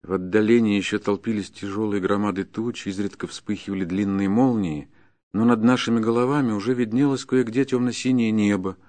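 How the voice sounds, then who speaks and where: A man reading a classic story aloud in a measured, even storytelling manner. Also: fairly low pitch. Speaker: narrator. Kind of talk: scripted narration of a classic story.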